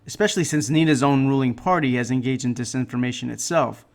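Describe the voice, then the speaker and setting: A man hosting a political commentary show, delivering mocking jokes in a sarcastic, deadpan way. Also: medium pitch, fast talker, very noisy.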